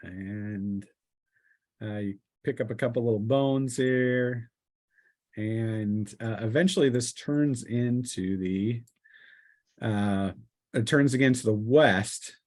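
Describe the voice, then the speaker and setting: In a mid-range, slightly dark voice, a man narrates a tabletop roleplaying game as its game master. He makes it up as he goes, hesitating and pausing in the middle of sentences.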